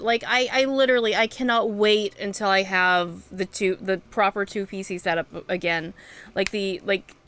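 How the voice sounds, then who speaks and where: A woman's voice: mid-range voice, fairly bright tone. A young woman streamer chatting casually on a live stream, venting in frustrated, swearing rants.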